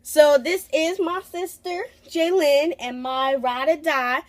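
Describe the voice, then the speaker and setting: A woman's voice: sits high, steady tone, takes it slowly. A woman hosting a challenge video with casual, playful chat to the camera.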